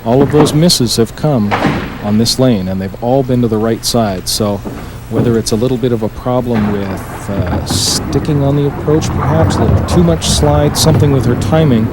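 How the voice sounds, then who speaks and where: A man giving measured, analytical bowling commentary in the restrained manner of a golf commentator. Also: medium pitch. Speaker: five-pin bowling colour commentator. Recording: noisy bowling alley broadcast.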